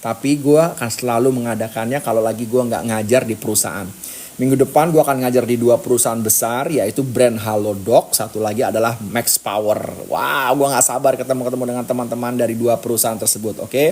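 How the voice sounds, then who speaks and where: A man's voice: medium pitch, darkish tone. A man coaching public speaking in casual, slangy talk, firing rhetorical questions at the viewer.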